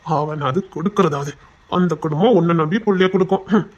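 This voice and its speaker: An actor playing a sly, scheming young man who poses as a best friend, talking smoothly and prying for information. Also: medium pitch, a little fast, a little mellow, muffled recording, natural voice.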